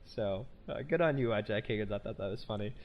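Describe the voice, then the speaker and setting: A man's voice: fairly low pitch, expressive, fast, lo-fi sound. Rambling man hosting a podcast. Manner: rambling, self-correcting, jokey. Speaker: podcast host. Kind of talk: casual podcast chat.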